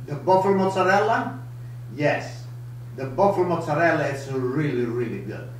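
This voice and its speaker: An older man with a strong Italian accent chats through a live cooking show in lively, broken English, his voice sitting fairly high for a man. He is heard from across a home kitchen, with heavy room echo and a faint hiss behind him. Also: moderate pace, distant mic. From Italy. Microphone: camera across the counter. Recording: echoey kitchen, voice from afar.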